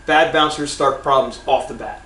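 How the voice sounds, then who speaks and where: A young man co-hosting a podcast, telling a rambling story with lots of swearing and loud acted-out quotes. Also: mid-range voice, moderate pace, echoey room, recorded from a distance, a little hiss or hum, low-quality recording. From North Carolina. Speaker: podcast co-host. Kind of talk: casual storytelling.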